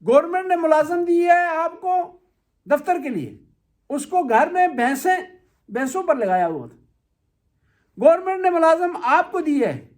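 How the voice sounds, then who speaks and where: A male Shia cleric giving a conversational religious talk, lecturing through anecdotes and rhetorical questions. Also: very high-pitched.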